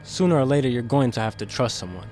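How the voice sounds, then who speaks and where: In this audio drama, a man voices a demon working on the inside, guarded and troubled by conscience, passing secrets to a captive. His medium-pitched, somewhat dark voice is expressive, fast and natural, with faint music behind him. He sounds earnest and defensive, keeping things discreet.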